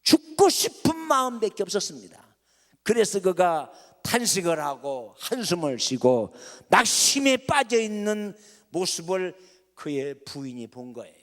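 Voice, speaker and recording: A man's voice: high-pitched, very animated, a little slow, a bit bright. A male pastor preaching a sermon emphatically, asking rhetorical questions, in a church sanctuary with long reverb.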